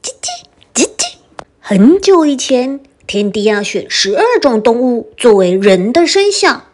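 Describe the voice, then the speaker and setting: Gentle woman reading a bedtime story. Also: fairly high pitch, measured pace. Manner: gentle, expressive children's narration.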